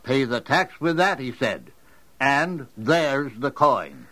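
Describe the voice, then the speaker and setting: A man's voice: mid-range voice, animated, takes it slowly, fairly bright tone. An actor playing a plain-spoken, good-natured fisherman disciple in a Bible audio drama, hearty in manner. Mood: confident.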